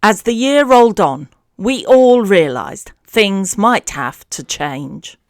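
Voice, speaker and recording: A woman narrates a pantomime from a script. Her voice is mid-pitched, with lively intonation. She takes her time over each phrase. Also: slow pace.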